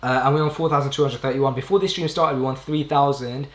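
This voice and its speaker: A young British man hosts a casual live stream, talking informally and ramblingly while often correcting himself. His mid-range voice moves quickly with fairly even intonation, in a roomy indoor echo.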